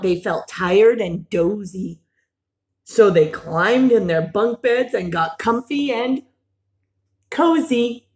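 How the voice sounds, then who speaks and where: Reading a picture book aloud for young children, a medium-pitched woman uses an expressive, animated storytelling style. She stops now and then for simple questions, gasps and exclamations.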